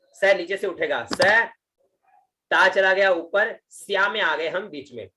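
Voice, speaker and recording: A man teaching a Vedic recitation lesson, breaking verses into syllables and chanting them slowly, often checking with the listener. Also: sits high, pushed and bright, slight background noise, low-quality recording. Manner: slow, deliberate syllable-by-syllable teaching, frequent "है ना" checks.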